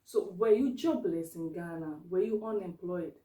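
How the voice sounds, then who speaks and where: Mellow-voiced talk show host. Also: mid-range voice, moderate pace, roomy sound, distant mic. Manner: short probing questions, frequent okays. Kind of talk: casual interview.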